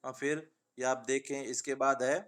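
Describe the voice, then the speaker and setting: A patient male teacher walks children through letters and word lists in a steady sing-song. He asks his own questions and answers them, speaking a tinge. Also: medium pitch, clean tone. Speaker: Urdu teacher. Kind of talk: children's reading lesson.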